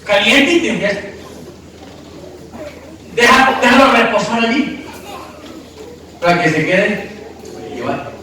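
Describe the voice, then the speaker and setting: A pastor preaching emphatically, asking the congregation questions and breaking into shouts, recorded from a distance in an echoey church hall. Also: male voice, sits high, animated, takes it slowly, pauses often, a little hiss or hum. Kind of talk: sermon.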